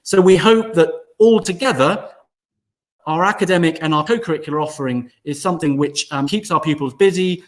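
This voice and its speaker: Man, headteacher, steady presenting voice, video call. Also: fairly high pitch, brisk. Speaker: school head. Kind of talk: virtual event talk.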